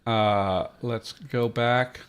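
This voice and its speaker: A man's voice: medium pitch, steady tone, extremely slow, smooth. A man hosting a podcast, thinking aloud as he builds a language, with many fillers and restarts. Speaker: podcast host.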